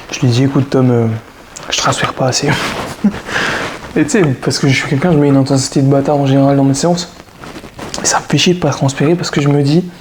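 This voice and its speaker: A man's voice: mid-range voice, background noise. A young man vlogging casually about his training, giving coaching tips in a chatty, slangy way. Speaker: fitness vlogger. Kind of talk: casual vlog talk to camera.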